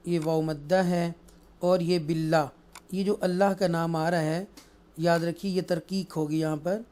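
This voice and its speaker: A man teaches the rules of Quran recitation at an unhurried pace. His voice is smooth and clear, and he switches between explanation and slow, drawn-out chanted recitation. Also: a little high, a little mellow. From Pakistan. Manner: explains rules in Urdu mixed with English, then recites verses slowly and melodiously. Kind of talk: tajweed lesson, explaining and reciting.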